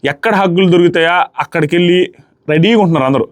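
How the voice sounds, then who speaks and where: A man giving a casual, excitable spoken review of a reality show episode, often dropping his voice to quote the people he talks about. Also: high voice, fast, dry recording.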